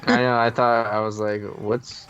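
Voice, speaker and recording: A man's voice: lowish voice, little pitch movement, moderate pace, a bit bright, dull audio, a little hiss or hum. A man co-hosting a podcast in casual, conversational chat. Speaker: podcast co-host.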